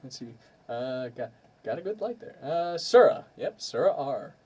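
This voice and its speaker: A man's voice: medium pitch, moderate pace, breathy edge. A man hosting a stream as game master, playfully walking players through tabletop rules. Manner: animated, playful explainer.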